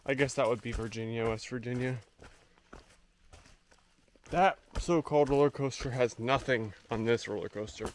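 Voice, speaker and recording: A man's voice: mid-range voice, moderate pace, long pauses, a little hiss or hum. A young man talking to a handheld camera outdoors in a forest, in an easygoing, chatty vlog check-in while he hikes. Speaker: thru-hiker vlogger. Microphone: camera at arm's length.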